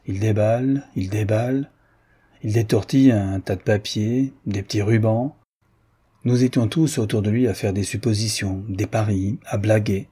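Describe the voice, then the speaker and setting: A man's voice: lowish voice, steady tone, moderate pace, dark tone, breathy edge. A man reading the part of a jovial aristocratic Parisian count who banters and tells gossip. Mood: animated.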